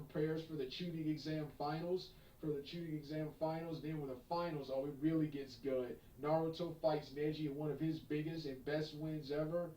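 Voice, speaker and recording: Halting male reviewer, roomy distant sound. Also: fairly high pitch, mellow. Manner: halting, many fillers and restarts, repeats phrases. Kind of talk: unscripted spoken review. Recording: echoey room, voice far from mic.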